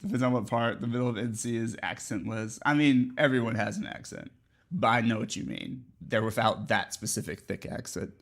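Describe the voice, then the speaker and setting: A man's voice: mid-range voice, a little fast, gravelly, fairly bright tone. A man with a Midwestern American accent, chatting casually with his stream's chat, rambling with lots of fillers and frequent laughs.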